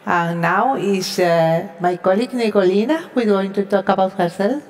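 A woman's voice: mid-range voice, normal speed, low-quality recording. A middle-aged woman speaks as an oncology nurse on a conference stage. She is earnest and often repeats words while searching for the next ones. Her voice comes through a headset mic. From Spain. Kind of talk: panel discussion.

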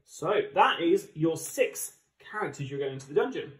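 A man's voice: a little high, animated, normal speed, fairly bright tone, a little hiss or hum. A man with an English accent giving chatty, enthusiastic, casual unboxing commentary as a board game channel host. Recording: roomy, distant microphone.

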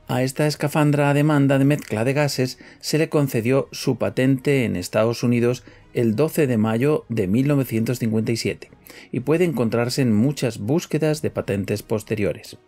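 A man's voice: medium pitch, dark tone. A man presenting in the style of a scripted documentary narration.

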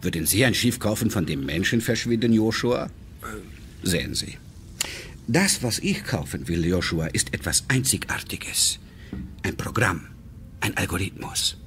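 In a radio crime drama, an actor plays a suave, fatherly, controlling businessman who speaks deliberately and politely with veiled menace, sounding smug and probing. The voice is low-pitched, animated and a bit bright, with a little hiss or hum.

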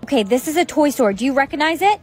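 A woman with a high voice delivering skit lines in an everyday conversational manner, with faint music underneath. She moves between small supporting parts without changing her voice much. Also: expressive, fast talker. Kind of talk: acted skit dialogue.

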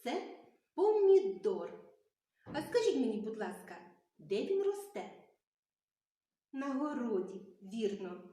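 Slow sing-song woman teacher, echoey. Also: a little high, very animated, mellow. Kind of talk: children's literacy lesson. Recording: very echoey room.

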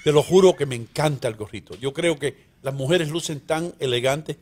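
A man's voice: on the high side, normal speed, a little mellow. A man co-hosting a morning show, teasing and joking theatrically with his co-host. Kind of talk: joking studio banter.

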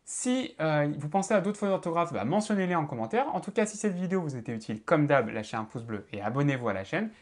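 A man's voice: fairly high pitch, expressive, fast talker, few pauses. A man giving a lesson on spelling mistakes, repeating advice insistently and spelling words out letter by letter. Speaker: law lecturer and content creator.

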